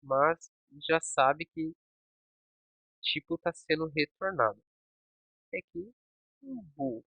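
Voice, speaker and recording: Higher-voiced man teaching code. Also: takes it slowly, gravelly, pauses often, no echo, muffled recording. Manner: talks through code step by step, checking with "ok?" and "certo?". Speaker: programming teacher. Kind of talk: screen-recorded coding tutorial.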